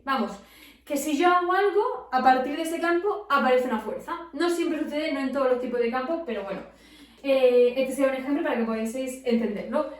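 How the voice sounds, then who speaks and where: A woman tutoring physics to students, explaining step by step and often checking in with questions. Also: high voice. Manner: asks and answers her own questions, frequent "¿vale?" checks. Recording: very echoey room, distant from the mic.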